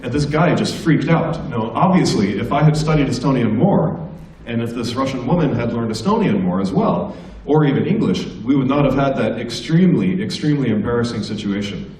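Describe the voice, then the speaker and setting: Brisk and animated with few pauses, a middle-aged American comedian's mid-range, darkish voice fills a school assembly as he tells comic stories and teases students. The hall is echoey and he is recorded from far off.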